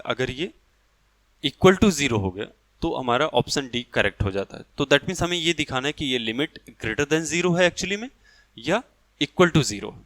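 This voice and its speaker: A man's voice: mid-range voice, a bit bright, no echo. A man teaches a math lecture, explaining step by step and answering his own questions.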